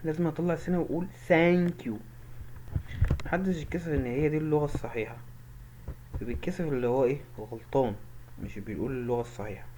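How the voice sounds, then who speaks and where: Egyptian man drilling pronunciation slowly. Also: mid-range voice, mellow, a little hiss or hum, low-quality recording. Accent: Egyptian Arabic. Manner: drills words by repeating them slowly and emphatically. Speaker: English teacher. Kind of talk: pronunciation lesson.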